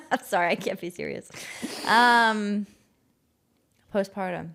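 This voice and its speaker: A woman's voice: medium pitch, slow, a bit bright, slight background noise. Give me a candid woman in her thirties chatting casually on a podcast. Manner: candid, laughing, talks through personal story. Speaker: podcast co-host. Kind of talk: casual chat.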